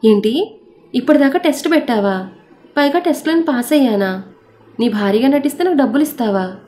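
A woman's voice: high-pitched, brisk, dark tone, natural voice. A woman storyteller voicing a frightened but defiant, devout young woman who pleads and prays aloud. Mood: furious.

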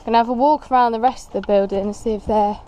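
A young woman urban explorer vlogs on a camera she carries, chatting casually as she walks outdoors and through a derelict building. Her slightly high voice is mellow, steady, and fast, and she exclaims at her discoveries over a faint hiss or hum.

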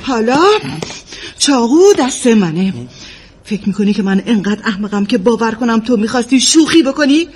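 A woman's voice: fairly high pitch, lively intonation, a little mellow, slightly rough. A woman playing a suspicious, frightened young wife in an audio drama, questioning her husband sharply. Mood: accusing. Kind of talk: amateur audio drama acting.

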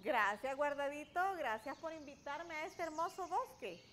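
A middle-aged woman with a high voice speaks as a storyteller for children. Her delivery is expressive and very melodic, with faint noise behind her. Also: moderate pace. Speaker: guest children's author and teacher.

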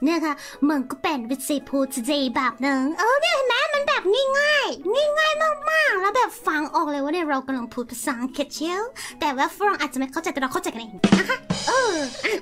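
A woman's voice: extremely high pitch, very animated, fairly quick, few pauses, fairly bright tone, soft background music. A woman streamer playing an English teacher, theatrical and exaggerated in a playful chat.

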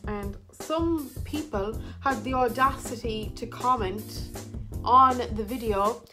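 A young woman with an Irish accent rambles through her makeup routine in a bedroom, goofy and chatty, breaking into loud silly outbursts now and then. Her voice sits high, and music plays clearly underneath. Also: takes it slowly. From Ireland. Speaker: vlogger. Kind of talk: casual makeup vlog chat.

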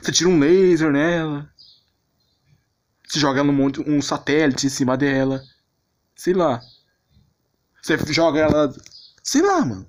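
A Brazilian man who makes videos offers rambling, slang-heavy commentary on anime characters, putting on mock outrage. His slightly high voice is animated, keeping a measured pace with frequent pauses, and the home recording is noisy with clicks.

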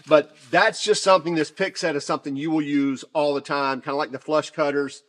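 A man casually reviewing shop tools off camera, talking in a chatty, relaxed way with many fillers and restarts. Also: a little high, a little fast. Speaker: tool reviewer.

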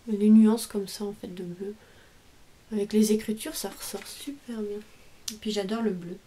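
A woman's voice: mid-range voice, normal speed, mellow. A woman hosting a craft video, chatting casually and gushing over cards and stamps she has received, stumbling a little over English phrases. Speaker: craft channel host opening mail. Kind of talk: casual unboxing chat.

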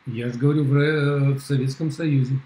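A man's voice: medium pitch, steady tone, a little fast, mellow, low-quality recording. A middle-aged man on a video call at home, arguing in a blunt, mocking, dismissive way. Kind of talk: heated casual argument.

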